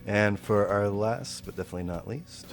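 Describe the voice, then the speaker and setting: A man's voice: on the low side, moderate pace, vocal fry. A man running a tabletop game as game master, narrating scenes and laughing easily with the players. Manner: laughs often, easygoing.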